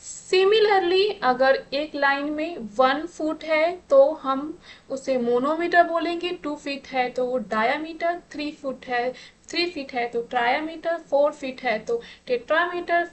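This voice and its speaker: Slow, high-voiced teacher woman. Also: a little hiss or hum. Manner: slow, patient explaining with rhetorical questions. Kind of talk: exam-prep lesson.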